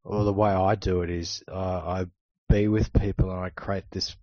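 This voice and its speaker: A man's voice: low-pitched, flat delivery, moderate pace, a little mellow, no room sound. A man in a group discussion reflecting aloud in a hesitant way, searching for his words, on a muffled dry recording. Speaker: group participant.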